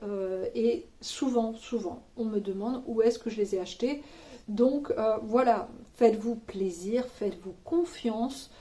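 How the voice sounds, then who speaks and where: Woman, vlogger, casual chat, mellow warm tone, slightly high voice, informal, teasing. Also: a little slow. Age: adult with children. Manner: chatty, informal, with slangy asides and teasing humor. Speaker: vlogger sharing money-saving tips.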